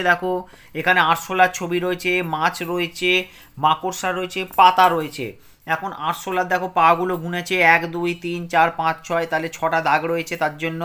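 A man with a West Bengal accent leads a reading lesson for small children. His voice is bright and sits a little high. He spells words out slowly, one syllable at a time. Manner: slow syllable-by-syllable spelling aloud. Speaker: primary school teacher.

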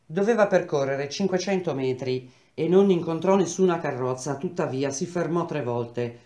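A woman reading a novel aloud in a steady, measured storytelling voice. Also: low-pitched. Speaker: reader. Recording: roomy echo.

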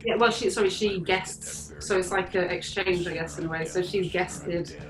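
An English woman who plays guitar in a band chats casually in an interview over a video call. Her lowish voice is steady at a normal speed, chatty and full of fillers, with a rise at the start of her phrases, and the room is echoey with faint music.

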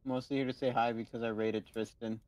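A man with a mid-pitched, ordinary voice jokes around in a gaming voice chat, full of mock-boastful gags. He speaks casually and loosely. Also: level tone, fast, noisy background. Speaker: guest streamer in a voice chat.

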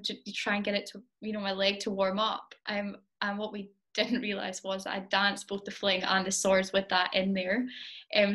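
A young woman talks through her dancing career in a relaxed interview, filling pauses with ums and laughing at herself. Her pitch stays fairly flat and level, sitting in a middle register. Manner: chatty, many ums, self-deprecating laughs. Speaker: interview guest, competitive Highland dancer. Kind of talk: casual interview answers.

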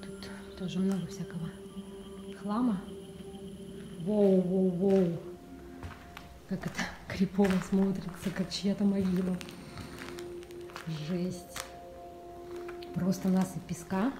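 A woman giving casual walking commentary as she explores an abandoned building, often dropping her voice to a hush. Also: medium pitch, little pitch movement, slow, pauses often. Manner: chatty, half-hushed, often drops to a whisper. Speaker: urban explorer vlogger. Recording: echoey empty rooms with music. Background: background music.

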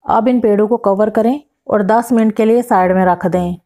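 A woman, narrating a cooking recipe as the channel host, giving calm step-by-step instructions with exact measurements. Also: medium pitch, moderate pace.

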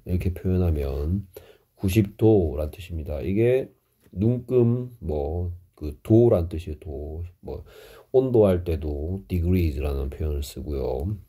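A middle-aged man teaching English vocabulary, explaining each word slowly with Korean glosses. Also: low-pitched, mellow, husky. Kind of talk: vocabulary lesson.

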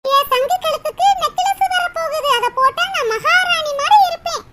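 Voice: extremely high pitch, normal speed. Someone voicing a spoiled, demanding grown daughter in a cartoon, pleading and pouty. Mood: whiny. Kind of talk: cartoon voice acting. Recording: loud background noise.

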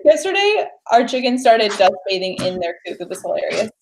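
A woman's voice: mid-range voice, very animated, brisk, vocal fry, rough recording. Young woman gabbing on a webcam stream from her living room, bubbly, lots of likes and ums, faint hiss. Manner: chatty, bubbly, lots of fillers. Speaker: livestream host. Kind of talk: casual livestream chat. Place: living room at home, indoors. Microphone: webcam at desk distance.

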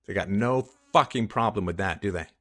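A man in his fifties delivering an angry, sarcastic, profane solo rant on a headset mic in a small room. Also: brisk. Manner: angry, sarcastic, profane, swings from low mutters to loud outbursts. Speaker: podcast host. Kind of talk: impassioned solo rant to camera. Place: small indoor room with plain wall.

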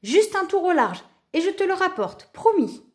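A woman voicing an excitable young male wolf cub in a storybook, talking in eager exclamations. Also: extremely high pitch, moderate pace, voice pushed up.

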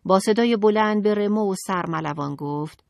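A woman narrating a children's audiobook in an expressive, dramatic storytelling manner. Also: medium pitch, gravelly, dry recording, clean studio sound.

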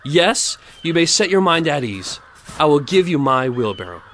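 An actor playing a pompous, self-righteous, grasping miller in an audio storybook drama, preachy in manner. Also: male voice, a little high, very animated, normal speed, a bit bright. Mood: self-satisfied. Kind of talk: audio theatre storybook acting.

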